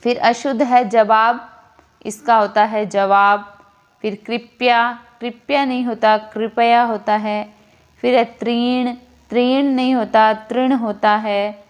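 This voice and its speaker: A woman teacher explaining a grammar lesson slowly and deliberately, repeating each word as she corrects it. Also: fairly high pitch, steady tone, clear, resonant tone, muffled recording.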